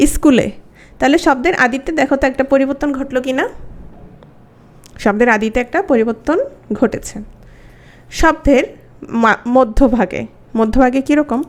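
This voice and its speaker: A woman teacher, giving an exam-prep grammar lesson and asking her students questions as she explains. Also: sits high.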